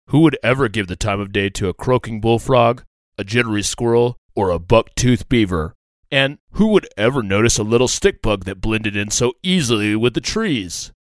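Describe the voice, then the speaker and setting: Male reader as a questioning eagle: plain, mid-pitched, quiet. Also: no echo, natural voice. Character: doubtful male eagle praying.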